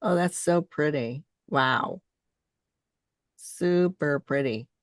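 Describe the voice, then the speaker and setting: A woman's voice: sits low, slow, no echo. An older woman hosting a casual, conversational interview. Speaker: interview host.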